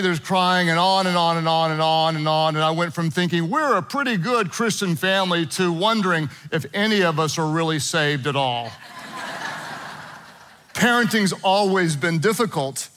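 High, bright-voiced pastor telling stories. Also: male voice, rough recording. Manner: animated storytelling with playful humor. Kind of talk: sermon to a live and online congregation. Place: church auditorium with congregation.

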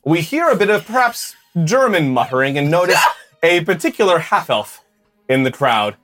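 Woman gm narrating a tabletop game, lively bouncy pitch, playful, faint music under. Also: moderate pace. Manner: playful, laughs often. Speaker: game master.

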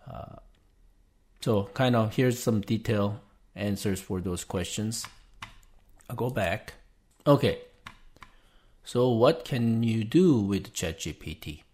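A Korean-native man hosts a podcast, walking viewers through a casual screen-share tutorial and narrating every click. His voice sits fairly low with lively intonation, a little mellow, and he speaks slowly with frequent pauses.

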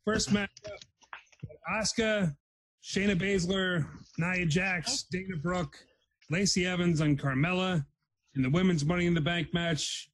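A man hosting a casual podcast chat, running through lists quickly and laughing often. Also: sits high, steady tone, fairly bright tone, no room sound, low-quality recording. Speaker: podcast host.

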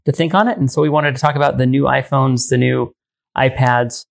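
A man co-hosting a tech podcast, talking casually in a rambling, hesitant way with many pauses and frequent laughs. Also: medium pitch, steady tone, gravelly. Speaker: podcast co-host.

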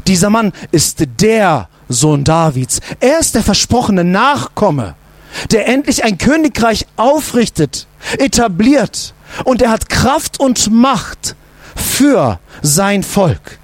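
A male pastor preaching a sermon emphatically, using repeated rhetorical questions and dropping to a low voice for emphasis. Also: very animated, slow, no echo.

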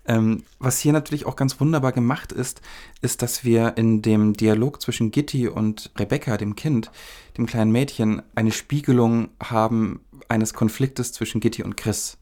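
A man talking about a film in a measured, analytical way, building long sentences with small fillers. His voice sits at a middle pitch. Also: fairly even intonation, mellow. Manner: thoughtful, elaborate sentences with fillers. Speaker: film discussion co-host. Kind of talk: analytical conversational talk.

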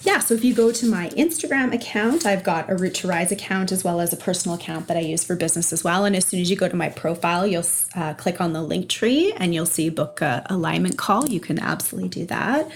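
A woman's voice: on the low side, lively intonation, quick pace, few pauses, slight background noise. A woman speaking as a coach and interview guest, explaining her approach conversationally. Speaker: energy and life coach, podcast guest.

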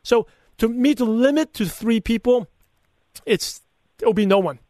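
With a very high-pitched, expressive but dark-toned voice at a measured pace, a middle-aged man answers interview questions conversationally, earnest and emphatic, drawing on personal anecdotes. A podcaster and coach, he speaks with a lisp and a blended Brooklyn-Chinese accent; there's no echo.

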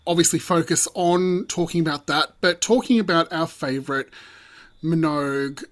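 A man's voice: on the high side, steady tone, moderate pace, a bit bright. A man hosting a podcast in casual chat, greeting listeners in a theatrical, affectionate way. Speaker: podcast host.

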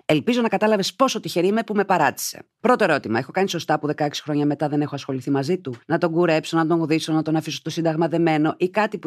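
Woman, podcast host, lively swooping pitch, dry close sound, outspoken and exclamatory. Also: no echo. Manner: animated, outspoken, bursts into laughter and exclamations. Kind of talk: podcast chat reading listener letters aloud.

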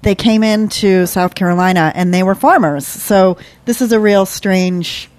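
A woman's voice: mid-range voice, measured pace, darkish tone. Chatty woman hosting a garden radio show. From Connecticut. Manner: chatty, many "um"s and asides. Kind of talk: casual radio talk.

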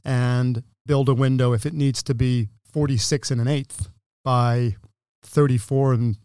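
A man's voice: medium pitch, fairly even intonation, measured pace, a little mellow, clear, resonant tone, no room sound. Brief: man from England, 60s, mid-range voice, detailed and assured, dry studio sound. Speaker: guest, window company owner. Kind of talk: casual interview talk.

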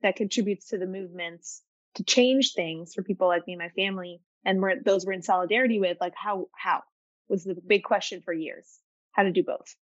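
A woman's voice: medium pitch, no echo. Young female designer guest from Arkansas, reflective storyteller, dry and slightly lo-fi video-call audio. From Arkansas, United States. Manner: thoughtful, measured storytelling. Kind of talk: reflective interview answers.

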